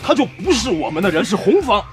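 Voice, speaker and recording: An actor playing a male army staff officer who gives brisk orders. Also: high-pitched, very animated. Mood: reasoning. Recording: drama audio with faint music.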